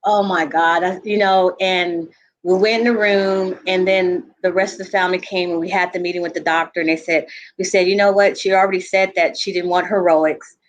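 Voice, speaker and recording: A woman in a group conversation, telling a painful personal story earnestly, with halting restarts and frequent asides of "you know". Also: fairly low pitch, steady tone. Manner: earnest, reliving a painful memory. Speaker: panel guest.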